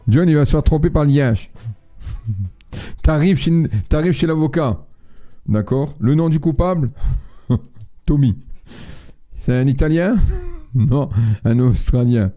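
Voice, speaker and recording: A man with a very dark, mellow voice hosts a live astrology stream. He chats with viewers in a blunt, slangy, joking way while faint music plays underneath. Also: mid-range voice. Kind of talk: casual live-stream chat, reading viewer messages.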